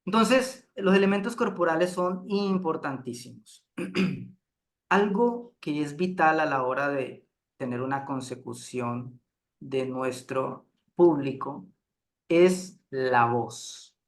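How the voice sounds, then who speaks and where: Unhurried man teaching a class. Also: a little high, lively intonation. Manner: unhurried, checks in with frequent "¿sí?". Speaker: group facilitation instructor. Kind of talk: relaxed lecture to a class.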